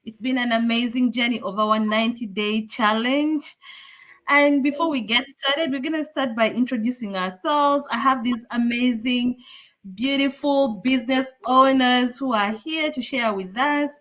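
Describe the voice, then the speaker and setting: A woman's voice: a little high, normal speed, a bit bright. Upbeat woman hosting a live show. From Uganda. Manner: upbeat, welcoming. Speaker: host. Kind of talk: live online talk show.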